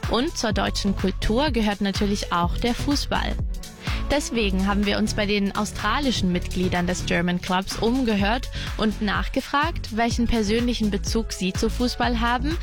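A woman presenter reads a scripted introduction in a clear, measured voice at a middle pitch. Music plays steadily underneath her. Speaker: radio presenter. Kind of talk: scripted narration.

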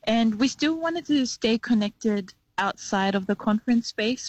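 A woman's voice: a little high, dry recording, low-quality recording. Earnest young woman, dry sound. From New Zealand, raised in Western Sydney. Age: young adult. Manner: earnest, explaining at length with fillers. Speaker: community program manager, guest. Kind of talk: radio interview.

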